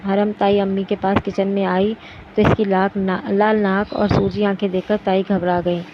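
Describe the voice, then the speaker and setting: A woman narrating a novel aloud in a steady storytelling manner. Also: mid-range voice, moderate pace. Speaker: audiobook narrator. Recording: dull lo-fi recording with background noise.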